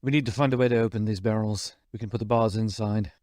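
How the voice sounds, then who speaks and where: A man's voice: lowish voice, fairly even intonation, fast talker, a little mellow, dry recording. A man playing in a tabletop game, talking through his character's plans in casual speech. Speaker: player.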